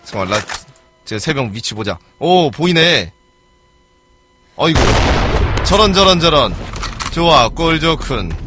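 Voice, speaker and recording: A male game streamer with a high voice that swings widely as he talks his way through a match. He gets excitable and swears and yells at other players. Clear game noise and clicking run behind him. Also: unhurried, long pauses. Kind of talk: live gameplay commentary.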